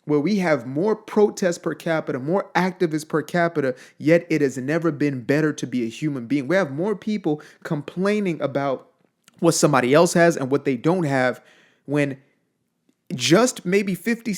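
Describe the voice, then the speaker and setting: A man's voice: on the high side, lively intonation, normal speed. A young man from Zimbabwe giving an emphatic, blunt motivational monologue, repeating phrases for weight. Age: young adult. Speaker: motivational speaker.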